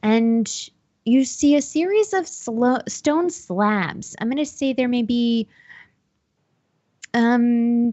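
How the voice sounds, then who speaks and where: A woman's voice: fairly high pitch, darkish tone, no room sound. A woman running a tabletop horror game as game master, describing scenes with frequent ums and restarts.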